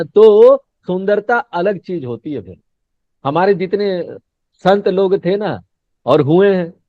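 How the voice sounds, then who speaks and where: The speaker, a male swami, uses a slightly high, somewhat mellow voice for his Hindi spiritual discourse, chatting casually, laughing often and questioning his listeners. It's a dry, dull, lo-fi recording.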